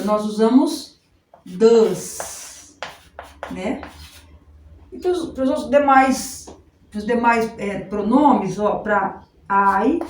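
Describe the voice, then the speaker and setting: Woman teaching English slowly, echoey room. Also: on the high side, a little mellow. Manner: explains slowly and repeats, often tags "né?" and "ó". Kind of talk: informal video lesson. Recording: echoey room with faint noise.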